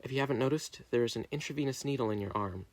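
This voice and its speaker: A man voicing a formal, persuasive male government agent in a story reading, measured and official. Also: mid-range voice, dry recording, natural voice. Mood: grave, persuasive.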